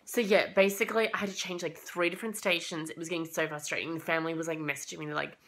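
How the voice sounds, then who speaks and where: A young woman with a slight cold, casually telling a travel story for her vlog in an animated, chatty way full of "like" and quoted thoughts. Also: lowish voice, very fast. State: has a cold, coughing. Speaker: vlogger.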